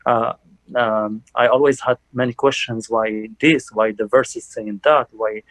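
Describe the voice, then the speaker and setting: Young man from Algeria, church testimony, halting delivery with fillers, dry close sound. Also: mid-range voice, steady tone, fairly bright tone, no echo, low-quality recording. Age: young adult. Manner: halting, many fillers and restarts. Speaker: church member giving testimony. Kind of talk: personal testimony.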